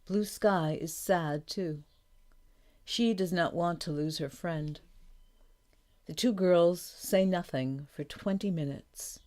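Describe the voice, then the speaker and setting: A woman reading a storybook for learners aloud, slowly and carefully, announcing each page. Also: on the low side, darkish tone. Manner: slow, careful, clear reading. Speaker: audiobook narrator. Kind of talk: scripted narration of a graded reader.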